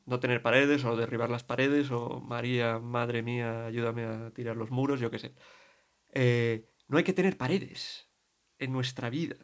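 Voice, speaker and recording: A man's voice: mid-range voice, fairly even intonation, normal speed. A man in his thirties with a Spain Spanish accent, a priest giving a spoken meditation in a conversational, digressive way, often correcting himself.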